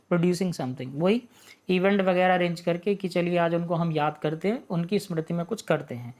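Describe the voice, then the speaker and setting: A man's voice: sits high, a little mellow. A man teaching an online exam-prep vocabulary lesson, patiently explaining words, asking rhetorical questions and constantly checking in with his students.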